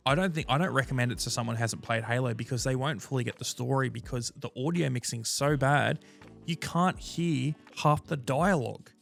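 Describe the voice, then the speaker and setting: A man co-hosting a casual gaming podcast, talking in an animated, frank way and swearing freely. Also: medium pitch, a little fast, gravelly, soft background music. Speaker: podcast co-host.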